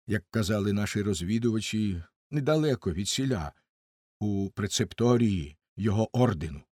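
A man's voice: lowish voice, darkish tone, dry recording, studio quality. A man reading an audiobook and voicing a generous outlaw leader, who speaks in a commanding, magnanimous and wry way.

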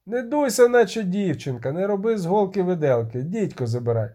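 Guy voicing a rough loud dragon hunter, coarse and shouty, lively pitch, audiobook. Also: measured pace. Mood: rough, shouting. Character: gruff rowdy male dragon hunter.

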